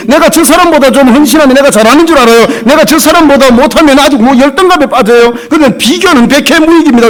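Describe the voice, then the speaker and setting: High, lively Korean pastor preaching. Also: male voice. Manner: emotional, conversational preaching with sudden drops to a hush. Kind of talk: revival sermon. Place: church sanctuary.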